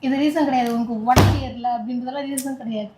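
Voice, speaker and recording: High-voiced young woman, pleading and emotional. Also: fairly even intonation, fast talker, reverberant, heavy background noise. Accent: Tamil. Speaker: YouTube couple vlogger. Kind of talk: emotional prank argument.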